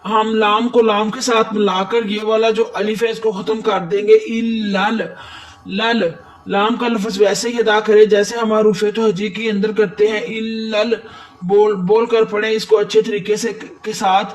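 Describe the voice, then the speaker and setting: High-voiced man patiently teaching recitation. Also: little pitch movement, distant mic. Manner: patient, methodical, repeats words slowly for drilling. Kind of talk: step-by-step tajweed lesson.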